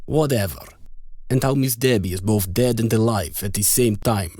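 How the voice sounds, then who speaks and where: A man's voice: lowish voice, normal speed, a little mellow, husky, no room sound, studio quality. A man in a sitcom playing a menacing mobster who speaks clipped, broken English. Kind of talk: sitcom acting.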